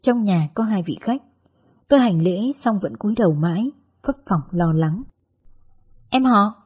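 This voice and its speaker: A woman narrating a first-person audiobook story in a gentle, wistful way. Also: medium pitch, animated, moderate pace, husky.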